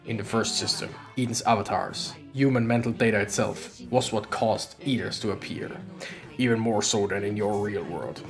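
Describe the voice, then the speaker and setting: A streamer voicing Omnimon, a grave armored knight guardian, in a forced, strained deep voice with a formal, measured way of explaining. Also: music in the background, natural voice. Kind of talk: game dialogue read aloud.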